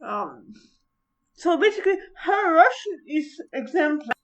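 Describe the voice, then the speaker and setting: A woman's voice: very high-pitched, sing-song, measured pace, muffled recording. A woman co-hosting a podcast, talking casually and hesitantly with many fillers and giggles. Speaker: podcast co-host. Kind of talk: casual chat.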